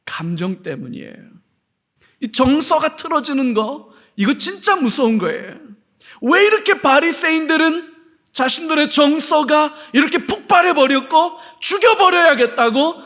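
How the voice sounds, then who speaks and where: Lively high-voiced male pastor preaching. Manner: animated, asks the congregation rhetorical questions; homely humor with everyday anecdotes. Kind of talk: sermon.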